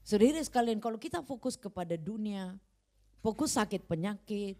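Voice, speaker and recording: A woman's voice: mid-range voice, normal speed. A woman pastor preaching a sermon in a church, telling a story and acting out the quoted dialogue. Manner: animated, acts out quoted dialogue.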